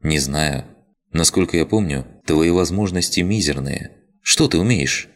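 A man's voice: a bass voice, a little slow. A man voicing a tired young woman who sounds resigned and wryly sad. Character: weary young woman awaiting her fate.

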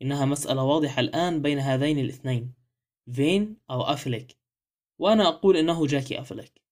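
A man reads a sharp, confident young wife in an audiobook mystery. She reasons aloud briskly and firmly, in a slightly raised register. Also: a little high, lightly acted. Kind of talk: audiobook character reading.

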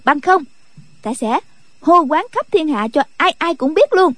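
A man's voice: very high voice, expressive, measured pace, a bit bright, no echo, pitched above the performer's own voice, heavily acted. A man voicing a mischievous young girl who teases and bosses others around in an audiobook. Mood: teasing. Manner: cheeky, giggling, bossy. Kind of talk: audiobook character voice.

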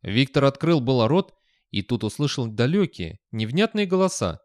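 A man narrating an audiobook in an even, measured storytelling manner. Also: mid-range voice, no echo, studio quality.

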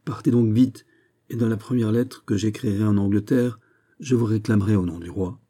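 Brief: a young princess, read by a male narrator, gracious and uneasy, dark husky voice. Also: on the low side, fairly even intonation, normal speed. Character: troubled young royal princess.

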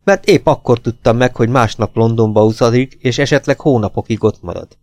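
A man's voice: medium pitch, a little mellow, no room sound, close to an everyday voice. A man reading an audiobook voices a proud, defensive woman who answers with defiant agitation. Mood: agitated. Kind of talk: audiobook character voice.

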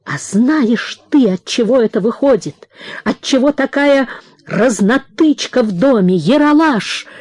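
A woman's voice: lively intonation, a little slow, darkish tone, dry recording, clean studio sound. A woman reading an audiobook voices a brutal, burly merchant father who jeers and mocks in a thin squeal. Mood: furious. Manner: mocking, jeering, falsetto taunts. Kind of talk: audiobook character voicing.

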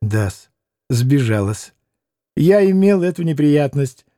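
A man's voice: fairly high pitch, big pitch swings, measured pace, dark tone, dry recording, studio quality. A man voicing a fawning, talkative old landowner who tacks a deferential "-s" onto his words. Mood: meek. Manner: ingratiating, adds deferential "-s" to words. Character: fawning old petty landowner, chatty fibber.

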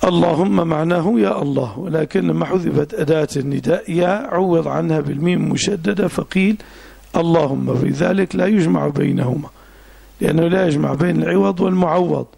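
A sheikh teaches a classical text in a gravelly, husky voice pitched somewhat high. He explains each phrase slowly, repeating key words and adding short affirmations. The delivery is a patient classroom lesson. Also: warm tone. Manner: explains slowly, repeats terms, punctuates with "na'am".

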